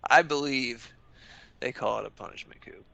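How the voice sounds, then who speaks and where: A man's voice: mid-range voice, vocal fry, sharp tone, dry recording. A man giving casual live sports commentary, with joking banter and frequent chuckles.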